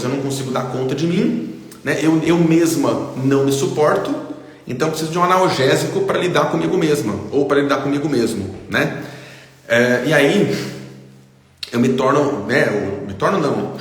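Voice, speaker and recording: A middle-aged man with a Brazilian accent, a psychologist talking casually to viewers in a live stream, often checking in with "tá?" and repeating his points. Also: mid-range voice. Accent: Brazilian Portuguese. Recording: very echoey room with long reverb.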